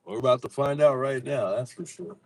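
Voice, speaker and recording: A man with an average-pitched voice hosts a casual livestream from inside a car. His diction is a little slushy from missing teeth. He talks in a playful, slangy, informal way. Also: fairly quick, darkish tone. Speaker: livestream host.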